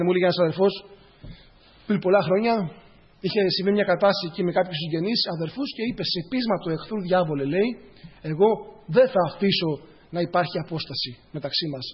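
High-voiced husky man preaching. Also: highs cut off. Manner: addresses the congregation as brothers, tells personal stories; repeats phrases for emphasis. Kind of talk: sermon.

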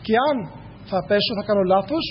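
Speaking straight to his congregation, a high-voiced man delivers a church sermon that is earnest and full of repetition. Slight background noise sits under a dull, lo-fi sound from an echoey hall.

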